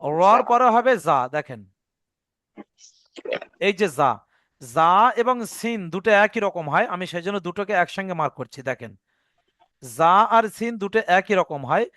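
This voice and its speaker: High-voiced man teaching pronunciation. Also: lively intonation, normal speed, pauses often, a bit bright, no room sound, studio quality. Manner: patient, repeats points, checks understanding; demonstrates sounds aloud. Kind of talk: Arabic letter pronunciation lesson.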